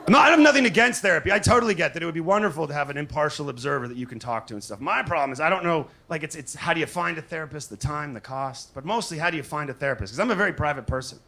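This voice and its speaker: A man's voice: on the high side, animated, very fast, hardly any pauses, bright, forceful tone. A man doing a self-deprecating, hesitant, conversational stand-up set, with crowd laughter behind him at a live show. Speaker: stand-up comedian. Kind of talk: stand-up comedy set before a live audience. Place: live comedy venue on stage.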